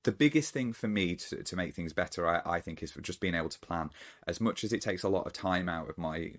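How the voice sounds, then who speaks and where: Unscripted and alone on camera, this channel host speaks in a deep, somewhat bright voice. His delivery is reflective and halting, with frequent sentence restarts.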